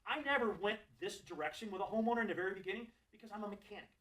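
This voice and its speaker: A man's voice: high-pitched, very fast, rough recording. A man giving a live sales and service training talk to a group of technicians, joking and putting questions to people in the room. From Florida. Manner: animated, jokey, asks the audience questions.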